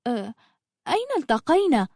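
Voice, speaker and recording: A woman voicing a gentle, puzzled young woman in an audiobook story, questioning and apologetic. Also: high voice, sing-song, moderate pace, dry recording, clean studio sound, voice pushed up, full character voice.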